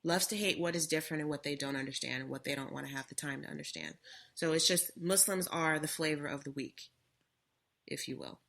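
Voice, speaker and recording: A woman's voice: low voice, fairly quick, creaky, fairly bright tone. A young adult woman co-hosting a casual talk show, earnestly telling a personal story.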